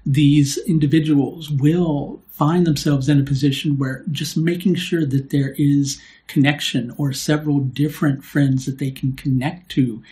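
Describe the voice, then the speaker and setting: Warm, conversational male astrologer. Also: on the high side, steady tone. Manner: conversational, tags points with "right?"; unhurried, with filler "uh" and restarts. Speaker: astrologer hosting his own channel. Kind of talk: solo explanatory video talk.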